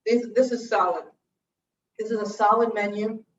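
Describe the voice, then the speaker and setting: A woman hosts a relaxed cooking lesson, chatting as she tastes each dish and describes its flavors and textures. Her voice sits a little back from the mic in an echoing room, and the streamed audio sounds slightly dull. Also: mid-range voice, moderate pace, a little hiss or hum. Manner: chatty, tasting and describing food aloud. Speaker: cooking class host. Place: church room. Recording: roomy, dull livestream audio from a distance.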